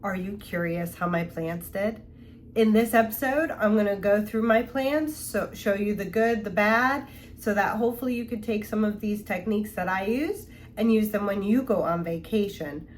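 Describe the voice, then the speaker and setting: A woman talks at a moderate pace in a medium pitch, with slight background noise. Congested from a cold, the plant-channel host walks between rooms of her home, keeping things relaxed and chatty with filler words for a casual home-tour vlog.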